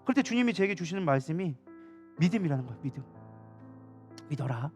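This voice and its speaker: A man with a high voice preaching quickly and passionately, talking to his congregation in a conversational way. The sermon is delivered in a church sanctuary during an evening service, with faint instrumental music behind him. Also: expressive, darkish tone. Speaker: pastor.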